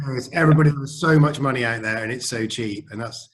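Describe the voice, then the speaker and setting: Male meetup host, mid-pitched, upbeat and chatty, quick with praise, casual talk. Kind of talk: casual online meetup chat.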